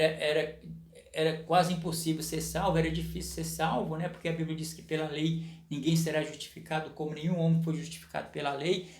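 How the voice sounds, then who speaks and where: A man's voice: on the high side, echoey room. A man preaching a sermon, explaining scripture with frequent rhetorical questions and tag questions. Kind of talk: sermon teaching.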